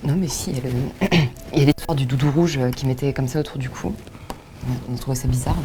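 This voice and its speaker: A woman's voice: very deep voice, steady tone, quick pace, warm tone, faint music behind. A woman playing a worried, bewildered mother in a comedy sketch, speaking in an anxious, hesitant way. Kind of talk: deadpan comedy sketch acting.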